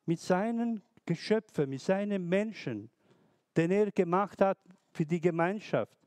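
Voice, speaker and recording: A man who is not a native speaker delivers a sermon in a slightly high voice, working through his words slowly. He halts and restarts often as he searches for phrasing. The recording is dry and close, with no room sound. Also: expressive, a little mellow, no echo. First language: not German. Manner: slow, halting, with many restarts and hesitations. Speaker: preacher.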